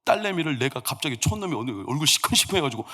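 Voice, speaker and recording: Animated, high-pitched male pastor preaching. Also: racing. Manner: animated, humorous storytelling with acted quotes. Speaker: senior pastor. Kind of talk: sermon. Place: church sanctuary.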